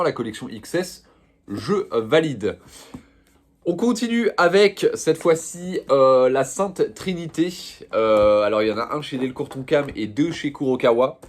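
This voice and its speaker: A man's voice: medium pitch, expressive, unhurried. Casual young man chatting enthusiastically. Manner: enthusiastic, slangy, rambling with fillers. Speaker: manga vlogger. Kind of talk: casual unboxing chat.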